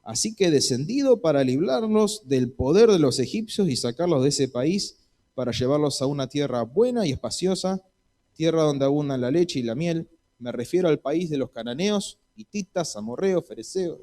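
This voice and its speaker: A man's voice: fairly high pitch, animated, normal speed, dark tone. A man with an Argentine Spanish accent preaching a sermon in a church, acting out Bible dialogue in voices.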